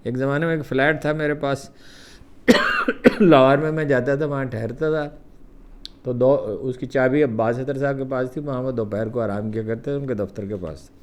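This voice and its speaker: An older man with a Pakistani Urdu accent telling personal anecdotes in a lively way, acting out the quoted remarks. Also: medium pitch, a little hiss or hum. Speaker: columnist recounting memories. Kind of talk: storytelling anecdotes.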